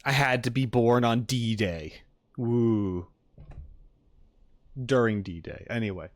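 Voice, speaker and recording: A man with a medium-pitched voice talks slowly in a clean studio recording with no room sound. He hosts a casual reaction livestream about game content, bantering playfully with viewers, joking, rambling, and often repeating himself.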